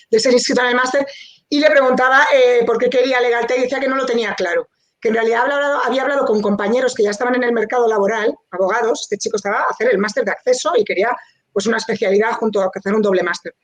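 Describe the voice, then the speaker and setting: Fast-talking woman lawyer. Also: on the high side. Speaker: lawyer and book co-author. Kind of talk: panel discussion talk.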